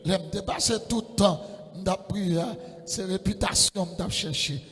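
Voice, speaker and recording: Impassioned preacher in an echoey church. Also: male voice, sits high, normal speed, faint music behind. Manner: impassioned, rising into shouted sing-song calls. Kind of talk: sermon.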